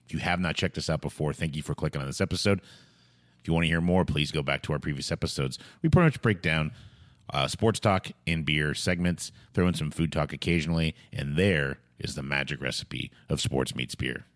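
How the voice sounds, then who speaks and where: A man hosting a podcast in casual talk, rambling and halting as he restarts his phrases. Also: rumbling low, a bit bright, no room sound, clean studio sound. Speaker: podcast host.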